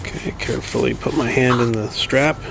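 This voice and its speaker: A man's voice: mid-range voice, fairly even intonation, fairly quick, gravelly. A man casually vlogging outdoors in his backyard, thinking aloud and poking fun at himself while he tries out a camera and a shotgun mic. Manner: rambling, self-deprecating, thinking aloud. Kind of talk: casual unboxing and testing vlog. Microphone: camera mic, then shotgun mic with windscreen. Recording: noisy outdoor camera recording.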